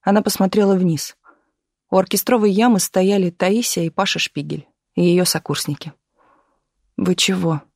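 An audiobook reader narrating a novel in a steady, even manner. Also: medium pitch, normal speed, no room sound, clean studio sound. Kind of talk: scripted narration.

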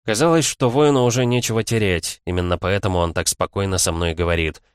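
A man narrating a first-person audiobook in a measured storytelling manner. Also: low voice, smooth, dry recording, studio quality.

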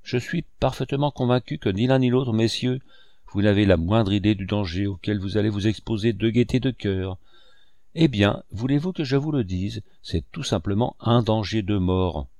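A man's voice: fairly low pitch, normal speed, darkish tone, no echo, close to an everyday voice. A man reading a stern ship captain. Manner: formal, firm, clipped. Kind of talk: audiobook reading.

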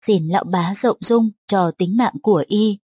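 A woman's voice: medium pitch, moderate pace, a little mellow, slightly rough, dry recording, close to an everyday voice. A woman reading the lines of a polite young woman earnestly pleading, in a storybook. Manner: earnest, respectful.

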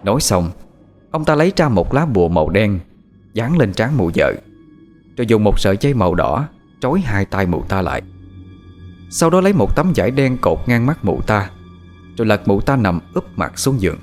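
A male storyteller with a lowish voice that swoops up and down as he tells a horror tale. He keeps a dramatic, scripted delivery, with soft music playing underneath. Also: very animated, normal speed.

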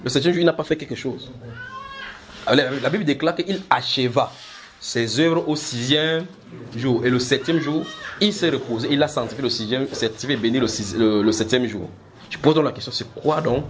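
A man preaching and teaching from the Bible, repeating words and putting questions to his listeners. He presses his points with lively energy. His voice is medium-pitched, with faint background noise. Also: normal speed. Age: adult.

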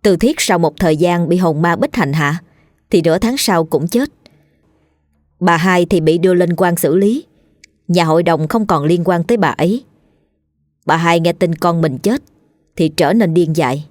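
A woman narrating a ghost story in a measured, even reading. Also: lowish voice, dry recording, clean studio sound.

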